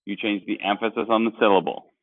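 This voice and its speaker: Man teaching grammar, lowish voice, patient, tinny dry call audio. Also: fairly even intonation, fast, no echo. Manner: patient, explanatory, asks the class questions. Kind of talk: online grammar lesson. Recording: dry, phone-like sound.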